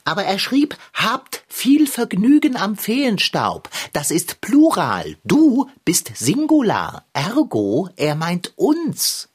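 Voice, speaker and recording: A woman's voice: mid-range voice, huge pitch swings, slow, hardly any pauses, slightly rough, full character voice. A woman playing a prim, pompous house cat in a children's radio play, talking in a sniffy, know-it-all way. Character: fussy, pompous house cat named Long John.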